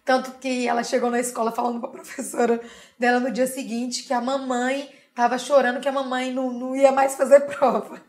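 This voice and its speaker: A young Brazilian woman, an interview guest, telling a personal story in a lively way and often adding tag questions. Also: high-pitched, fairly quick. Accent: Brazilian Portuguese.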